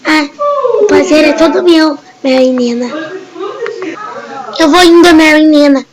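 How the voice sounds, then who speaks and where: A woman voicing a friendly, cheerful female pony in a homemade toy-pony play. She talks in a slow, drawn-out way and repeats herself. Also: high-pitched, heavy background noise.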